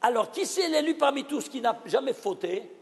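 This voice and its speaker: An animated rabbi, a man, teaches in a hall with a long, lingering reverb. His voice sits very high with a gravelly edge, and he keeps exclaiming and putting questions to his listeners. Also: moderate pace. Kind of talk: Torah lesson.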